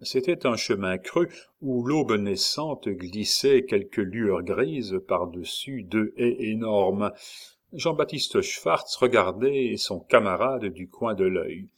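A man narrating an audiobook in a measured, literary reading voice. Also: fairly low pitch, animated. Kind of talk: scripted narration.

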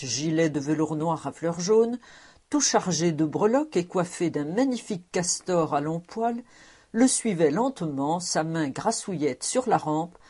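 A woman reading a classic novel aloud as narrator, measured and expressive. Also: lowish voice, breathy edge. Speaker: audiobook reader.

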